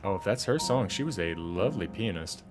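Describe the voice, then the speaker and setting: A young gaming streamer with a low-sitting, animated voice gives casual let's-play commentary on the game he's playing. He talks fairly quickly over music, joking and rambling to his viewers.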